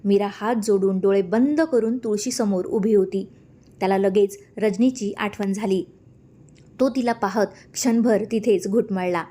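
A woman narrating a story in a calm, even reading voice. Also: mid-range voice.

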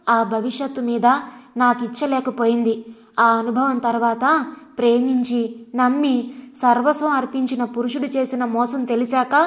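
Lady reading a hurt bitter auntie in an audio story, kinda high voice. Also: lightly acted. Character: middle-aged woman, bitter and wounded.

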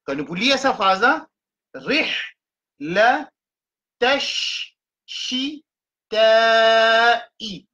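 Man, Quran reading teacher, very slow and deliberate, bright forceful tone, spells letters then blends syllables. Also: extremely high pitch, lively intonation, highs cut off. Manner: spells out letters and vowel marks, then blends them slowly. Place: home, livestream.

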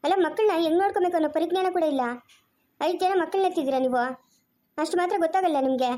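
An accusing young mother, played by a woman in an amateur family drama, speaking with a Chikkaballapur Kannada accent. Her voice sits very high and her sharp scolding comes rapid-fire. She hurls blame at her in-laws without letting up.

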